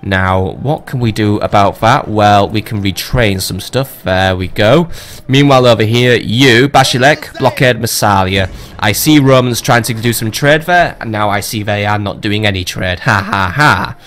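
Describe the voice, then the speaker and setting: A man's voice: on the low side, normal speed, fairly bright tone. A man casually commentating on his strategy game as a let's play host, rambling with joking, swearing asides.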